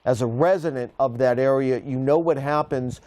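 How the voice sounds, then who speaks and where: A man's voice: mid-range voice, moderate pace, a little mellow. A man anchoring live weather coverage as a meteorologist in a conversational broadcast style.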